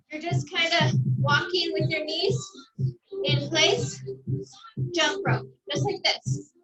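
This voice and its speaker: Woman cardio instructor, breathless, slow steady cues, roomy echo. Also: very high-pitched. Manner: encouraging cues with cheers. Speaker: fitness instructor. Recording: echoey room with loud music. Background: workout music.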